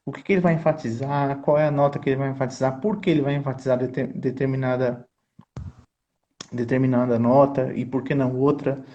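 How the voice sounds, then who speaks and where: A man's voice: mid-range voice, steady tone, fairly quick, dark tone, lo-fi sound, slight background noise. A man, a choir conductor and composer, explaining his craft in an earnest, teacherly way and often checking in with his listener. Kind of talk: explanatory conversation.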